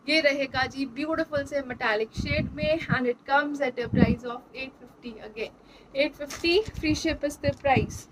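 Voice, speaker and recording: A woman presenting clothing for sale, switching often between Hindi and English and repeating stock phrases. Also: high voice. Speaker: clothing seller. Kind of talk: product showcase sales pitch. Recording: clear background noise.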